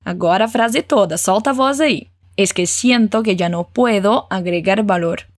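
A woman's voice: mid-range voice, no echo, studio quality. Encouraging woman teaching Spanish phrases. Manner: encouraging, models phrases slowly and clearly. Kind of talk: language lesson with repeat-after-me drills.

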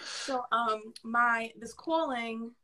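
A woman with a strong New York accent, talking in a bright, crisp voice. She is candid and chatty, laughing easily and dropping the odd swear word in a relaxed interview. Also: on the high side, extremely slow. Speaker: podcast guest, career coach. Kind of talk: casual conversational interview.

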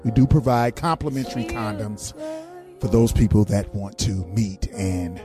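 A radio host voicing an airline pilot who gives a calm, deadpan cabin announcement from the cockpit. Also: male voice, on the low side, moderate pace, over music, voice pushed down, lightly acted. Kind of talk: comic radio bit.

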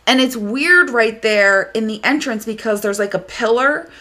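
A woman, hosting a podcast and telling a story in an animated, indignant way, swearing freely. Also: a little high, moderate pace. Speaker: podcast host. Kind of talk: casual storytelling monologue.

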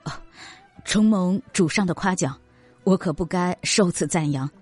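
A woman's voice: fairly low pitch, unhurried, darkish tone, husky, dry recording, soft background music, pitched below the performer's own voice. A woman voicing the young man Aladdin in a storybook reading, courteous and deferential. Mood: humble.

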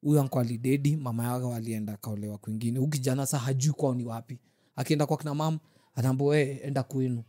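A man's voice: medium pitch, fairly even intonation, quick pace, mellow, no room sound, clean studio sound. A young man with a Kenyan accent chatting casually in street slang and telling stories to friends. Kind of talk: casual group discussion and storytelling.

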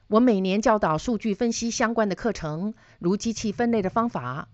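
A woman's voice: medium pitch, no room sound, dull audio. A middle-aged woman teaching data analysis, explaining ideas through personal stories and putting questions to her listeners. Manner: storytelling, asks listeners questions.

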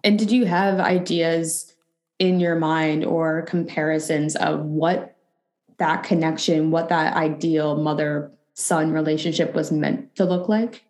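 A woman interviewer asking gentle, probing questions. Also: low voice, fairly even intonation, a little slow. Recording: roomy, echoey sound.

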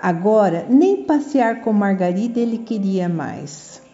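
An older Brazilian woman narrating a children's story in a gentle, teaching manner, as if to small children. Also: mid-range voice, animated, unhurried, lo-fi sound. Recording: echoey room, soft music behind.

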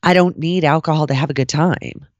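A woman's voice: deep voice, brisk, no room sound, dull audio. A woman co-hosting a podcast, chatting in a bawdy, teasing and profane way. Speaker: podcast co-host. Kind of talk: casual podcast chat.

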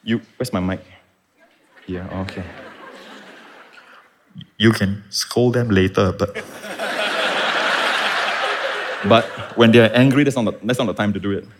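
A man preaching a sermon, teaching calmly and then rising to impassioned shouts. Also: fairly low pitch, normal speed, long pauses, background noise. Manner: teaching, explains Greek words. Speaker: pastor.

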